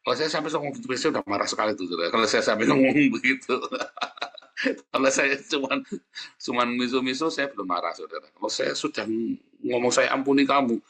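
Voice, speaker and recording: A male pastor delivers a sermon in a lively, conversational way, often turning to address his listeners. His voice sits at a middle pitch with a bright edge and a husky texture. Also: quick pace. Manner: lively, chatty preaching with frequent "ya" and "saudara".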